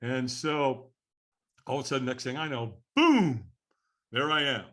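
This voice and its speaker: A man who is a guest on a podcast, telling an animated story, acting out the voices he quotes and laughing often. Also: mid-range voice, measured pace. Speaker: guest, firewalking instructor.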